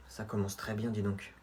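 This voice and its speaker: A man voicing a stern male teacher who lectures slowly and deliberately. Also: on the low side, a bit bright, voice pushed down.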